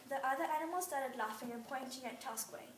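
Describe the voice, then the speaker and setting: A woman reading a myth aloud as a storybook narration in a clear, steady voice. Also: high-pitched, a little fast. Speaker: reader. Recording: roomy, distant mic, faint noise.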